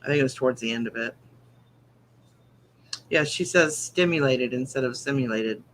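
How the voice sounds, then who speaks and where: A woman's voice: a bass voice, moderate pace. A woman co-hosting a live show in casual chat, with a teasing, correcting manner. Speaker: live online show co-host. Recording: clear background noise.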